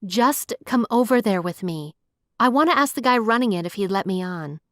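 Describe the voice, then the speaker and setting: A woman's voice: mid-range voice, lively intonation, normal speed, no echo, studio quality, close to an everyday voice. A woman reading an audiobook voices a playful, persistent young woman who coaxes and wheedles. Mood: coaxing. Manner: wheedling, bright and coaxing. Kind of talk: audiobook character voice.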